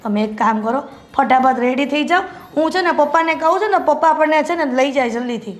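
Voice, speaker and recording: A young woman with a Gujarati accent playing a daughter in a family film, talking in a quick, scolding way. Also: high-pitched.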